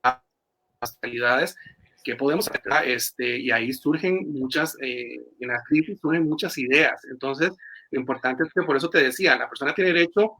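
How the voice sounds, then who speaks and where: At a moderate pace and medium pitch, the psychologist's sharp-toned voice comes through a video call. He's giving interview answers and frequently restarts or uses fillers.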